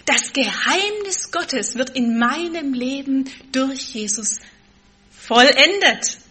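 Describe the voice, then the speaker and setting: A woman preaching a sermon, stressing key words with force and then dropping to a soft, quiet tone. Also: high voice, animated, slow.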